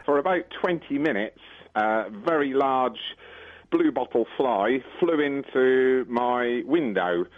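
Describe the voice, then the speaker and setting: A man's voice: medium pitch, expressive, takes it slowly. A man calling in to a radio phone-in show, telling his story in a chatty, amused way over a phone line.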